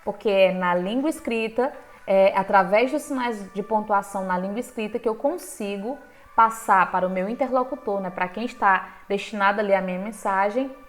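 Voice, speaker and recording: A woman with a Brazilian Portuguese accent teaching a grammar lesson in a conversational way. She keeps checking in with her students and punches key points with sudden lifts in her voice. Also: normal speed. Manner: conversational, checking in with frequent "right?" tags; emphatic, with sudden lifts in pitch and volume.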